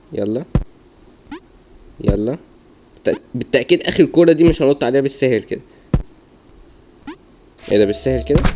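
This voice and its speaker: A young man with an Egyptian Arabic accent, commentating his gameplay as he mutters repeated self-coaching. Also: mid-range voice. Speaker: gamer. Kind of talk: gaming commentary. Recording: dull lo-fi mic, faint noise.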